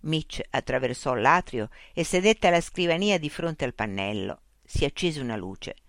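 Calm storyteller reading sci-fi, mid-pitch voice, close mic, dry sound. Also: moderate pace, no echo. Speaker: narrator. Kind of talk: audiobook narration of a science fiction story.

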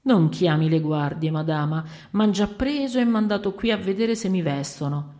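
A woman voicing a brash, bearded male porter who talks loud, teasing and impudent. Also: fairly low pitch, expressive, normal speed, lightly acted. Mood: cheeky.

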